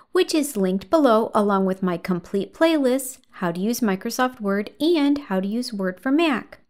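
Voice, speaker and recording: A woman in her thirties hosting a scripted software tutorial, giving calm, measured step-by-step instructions from a small room. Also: a little high, no echo, clean studio sound. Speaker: tutorial host.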